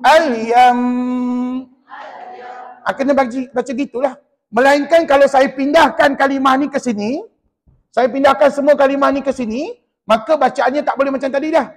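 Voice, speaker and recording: A man with a Malaysian Malay accent teaching Quran recitation in a mosque class, drilling and correcting students in a lively, teasing way. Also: extremely high pitch, in a large hall.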